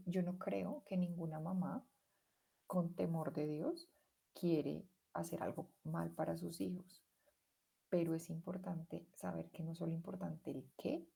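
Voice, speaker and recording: A woman joining a women's Bible study discussion, speaking in a calm, measured, thoughtful way. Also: lowish voice, creaky, husky. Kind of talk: reflective group discussion.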